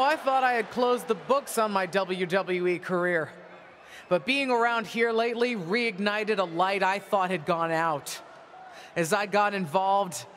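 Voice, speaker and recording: An actress playing a bitter, proud middle-aged wrestling legend in a video game, delivering a taunting, theatrical wrestling promo. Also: female voice, medium pitch, fairly bright tone, natural voice. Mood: boastful, defiant. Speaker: returning wrestler, former champion and manager. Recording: arena ambience noise behind voice.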